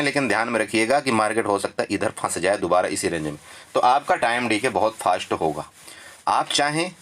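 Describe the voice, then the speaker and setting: A man's voice: mid-range voice, a bit bright. A man walking viewers through trading charts in a casual lesson, chatty and repetitive, often checking in with his listeners. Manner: chatty, repeats "theek hai", addresses viewers as friend. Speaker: stock market trading tutor.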